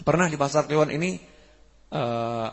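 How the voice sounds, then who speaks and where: A man preaches a sermon in a husky, fairly high voice. He builds to emphatic peaks and puts questions to his listeners. His words ring with a long reverb through a large hall. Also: normal speed. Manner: animated, rising to emphatic peaks, asks the audience questions.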